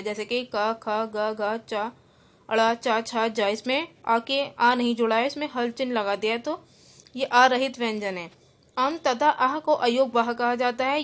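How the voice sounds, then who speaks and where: A woman's voice: a little high, a bit bright. A woman school teacher giving an online grammar lesson. She spells words out letter by letter, then repeats each rule in simpler words with English terms mixed in.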